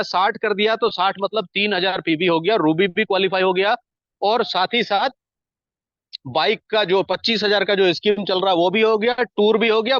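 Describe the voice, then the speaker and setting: A man's voice: high voice, fairly bright tone, no room sound. A man giving a persuasive, repetitive motivational talk as a network marketing team leader. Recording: dull, dry lo-fi sound.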